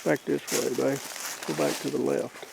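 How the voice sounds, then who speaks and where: A man's voice: mid-range voice, little pitch movement, moderate pace, vocal fry. A middle-aged man giving plain-spoken, casual commentary as he explores the woods for a vlog. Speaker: outdoor vlog co-host. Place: outdoors in woods. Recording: faintly noisy outdoor field recording.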